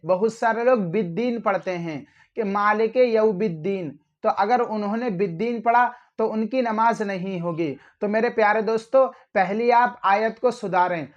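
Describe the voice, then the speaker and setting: A man giving religious instruction, explaining recitation slowly and carefully. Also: high voice, dull audio. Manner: slow drawn-out recitation when demonstrating. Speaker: religious teacher.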